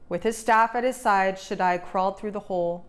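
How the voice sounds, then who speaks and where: Narrating a children's storybook for a read-aloud, a woman host uses a dramatic, expressive delivery, pitched in the middle and paced moderately.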